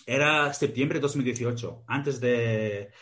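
An Australian man in his forties, a native English speaker, appears as a guest in a casual interview. His voice is medium in pitch and a bit bright, and he pauses to search for Spanish words.

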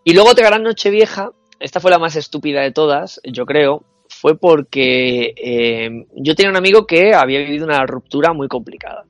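Young man, comic anecdote, animated, swearing, slightly high voice, dry close sound. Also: a little fast, few pauses, dry recording. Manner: animated, swears freely, acts out other people's lines. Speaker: storyteller on a New Year's Eve show. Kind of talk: comic anecdote told to friends.

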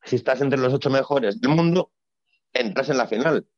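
A man talks easily as an interview guest, explaining things step by step and dropping blunt, colloquial asides. His voice sits at an ordinary pitch. The recording is dry and a little muffled. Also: normal speed, darkish tone, dry recording. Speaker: retired Olympic gymnast, guest. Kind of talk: casual interview conversation. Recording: dry, slightly dull sound.

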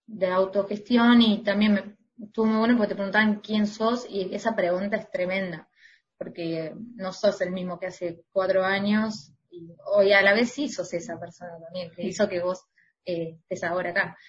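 A woman singer with an Argentine Spanish accent talks easily as a podcast guest, laughing often and leaning on fillers. Her voice sits at a middling pitch. The audio sounds a little muffled. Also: steady tone, moderate pace. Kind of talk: casual interview chat.

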